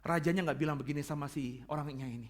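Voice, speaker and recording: A pastor preaching a dramatic sermon in a church, swinging between hushed asides and shouted points. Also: male voice, a little high, quick pace.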